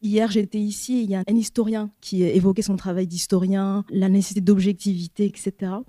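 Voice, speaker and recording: Reflective woman from the audience, mellow voice. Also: mid-range voice, flat delivery, brisk, no room sound. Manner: careful, reflective, with many hesitations. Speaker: audience member sharing a reflection. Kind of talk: audience comment at a public talk.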